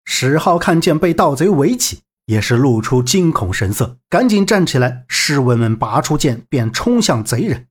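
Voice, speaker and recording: A man narrating a martial-arts audiobook with lively storytelling. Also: on the high side, normal speed, few pauses, breathy edge.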